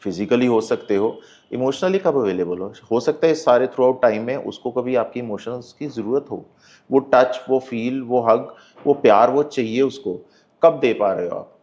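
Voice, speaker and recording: A man's voice: mid-range voice, moderate pace, darkish tone. Man coaching on a podcast, emphatic, mixes in english lines, kinda muffled sound. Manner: earnest, emphatic, mixes Hindi with English phrases. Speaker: life coach and hypnotherapist guest. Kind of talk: podcast interview, advice talk.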